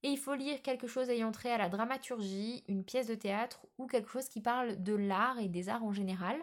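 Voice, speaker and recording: A woman's voice: fairly high pitch, normal speed. Hesitant woman chatting about books. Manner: hesitant, frequent filler sounds and restarts. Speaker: book vlogger. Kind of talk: casual book vlog chat.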